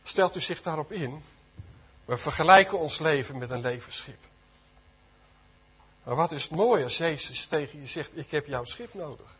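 A middle-aged male preacher delivers a sermon in a church service, earnest and fervent. His voice is high for a man and husky, and he keeps putting rhetorical questions to the congregation. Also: normal speed, long pauses, a bit bright.

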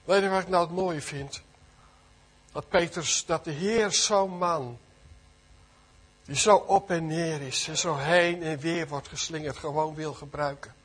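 A middle-aged male preacher delivers a sermon in a church service, earnest and fervent. His voice is high for a man and husky, and he keeps putting rhetorical questions to the congregation. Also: unhurried, a bit bright.

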